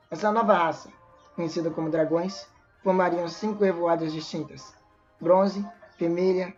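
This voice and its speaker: Woman narrator, lowish voice, stumbles and restarts now and then, dull recording. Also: dark tone. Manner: reads with small slips and restarts. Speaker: lore narrator. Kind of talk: storytelling narration. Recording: dull lo-fi voice with faint music.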